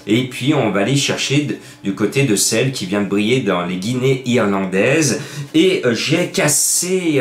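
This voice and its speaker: A man's voice: mid-range voice, reverberant. Chatty man giving racing tips. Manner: chatty, rambling, jokey, many fillers. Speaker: horse racing tipster. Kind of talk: casual betting tips video.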